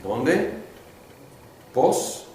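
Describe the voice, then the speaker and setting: A man's voice: on the high side, big pitch swings, extremely slow, a little mellow. A man teaching a class as the students repeat after him, hesitant, with many fillers and restarts. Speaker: Greek teacher. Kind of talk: classroom lecture with call-and-response. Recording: echoey room, distant mic, faint hiss.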